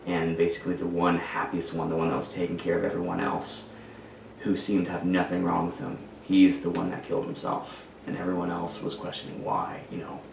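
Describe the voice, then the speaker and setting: Podcast guest, man in his twenties, deep rough voice, slow halting storytelling, room echo. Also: monotone, slight background noise. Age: 20s. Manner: halting, searching for words. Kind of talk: personal storytelling. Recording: echoey room, far from mic.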